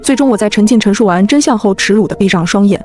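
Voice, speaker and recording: Woman narrating a creepy cartoon story, talks fast, steady, faint music behind. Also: mid-range voice. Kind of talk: scripted narration.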